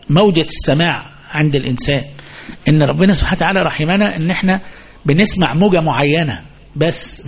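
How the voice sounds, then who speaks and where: A man with an Egyptian accent, a sheikh teaching hadith commentary, gives a mosque lesson in which he asks his listeners questions and repeats key phrases and points. His voice is a little high with a breathy edge, and the recording is muffled.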